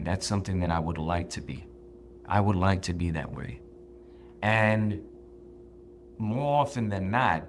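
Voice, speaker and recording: A man co-hosting a casual podcast chat, talking in an earnest, measured, emphatic way. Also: deep voice, slight background noise. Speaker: podcast co-host.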